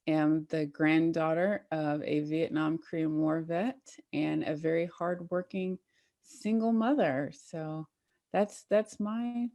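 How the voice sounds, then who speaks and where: A soft-spoken woman from Tennessee, a small business owner, talking about her life in a relaxed way as an interview guest. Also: low-pitched, no room sound. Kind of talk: casual interview chat.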